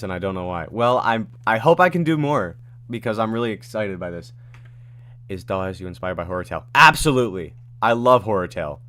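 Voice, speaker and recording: Casual streamer, male, slightly low voice; reads viewer questions aloud and answers off the cuff with asides. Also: fairly bright tone. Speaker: livestreamer answering chat questions. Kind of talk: casual livestream Q&A. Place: at home in his room.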